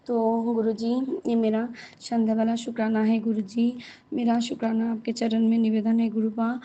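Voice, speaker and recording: A hoarse woman from West Bengal speaks in a monotone devotional testimony, repeating her thanks with halting fillers. Her voice sits fairly high yet sounds very dark and mellow. The recording is dull and lo-fi. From West Bengal, India. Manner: repetitive, prayerful, halting with fillers. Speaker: devotee sharing a thanksgiving satsang.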